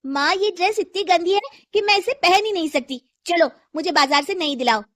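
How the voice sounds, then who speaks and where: A woman's voice: extremely high pitch, a little fast, fairly bright tone, no room sound, studio quality, pitched above the performer's own voice. A woman voicing a young schoolgirl daughter with a whiny, insistent voice.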